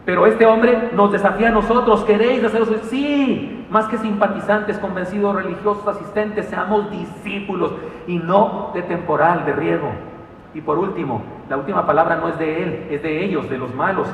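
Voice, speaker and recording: A man preaching a sermon in a church, animated and telling stories with humor and asides. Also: high-pitched, moderate pace, far from the mic, a little hiss or hum. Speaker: pastor. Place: church sanctuary. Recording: echoey hall, mic from afar.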